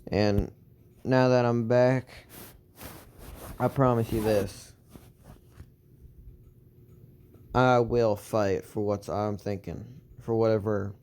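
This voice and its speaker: A solemn young soldier hero, as a man puts him on, speaking in slow, halting, earnest phrases. The voice sits low and mellow, smooth and clean. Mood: determined.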